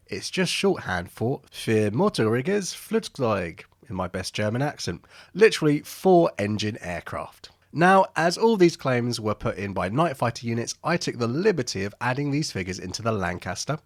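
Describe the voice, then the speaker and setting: A man's voice: mid-range voice, dry recording, studio quality. A man narrating an aviation history video as a scripted voice-over, with wry, jokey asides between the statistics.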